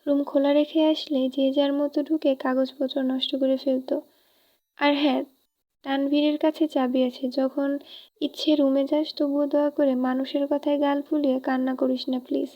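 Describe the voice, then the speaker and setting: A woman reading a storybook, voicing a curt, scolding young man in her own high voice. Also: little pitch movement, moderate pace, lightly acted. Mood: weary. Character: brusque stern young man, lover. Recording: dull lo-fi recording.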